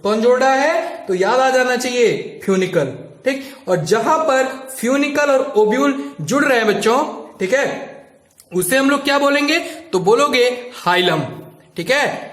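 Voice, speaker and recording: A man's voice: extremely high pitch, expressive, unhurried, fairly bright tone, reverberant. A man teaching a biology lesson, repeating points and quizzing students with questions. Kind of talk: classroom lecture.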